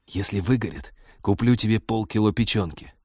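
A man voicing a sly, flirtatious male pilot in a storybook reading, speaking low and smooth. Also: big pitch swings, normal speed, darkish tone, no room sound, studio quality. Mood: coaxing.

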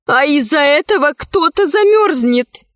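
This is an excitable young storybook woman, voiced by a woman narrator, eager and quick to exclaim. Her voice rides high and swoops widely, close and dry. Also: no echo. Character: lively, emotional young woman.

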